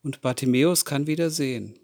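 A man's voice: medium pitch, fairly quick, darkish tone, no echo, clean studio sound. A man telling a Bible story to children, often stopping to ask them questions. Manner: asks the listening children questions.

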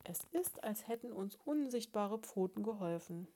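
A woman voicing a young female dormouse bride in a storybook, speaking in a high, squeaky, pleading voice. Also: lively intonation, normal speed, warm tone, a little hiss or hum, close to an everyday voice. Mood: wondering.

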